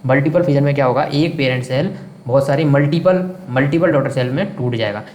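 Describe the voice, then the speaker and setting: A man's voice: mid-range voice, fairly quick, darkish tone. A man teaching a science lesson who keeps asking questions and answering them himself, and repeats the key terms. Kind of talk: classroom science lecture. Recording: echoey room with faint background noise.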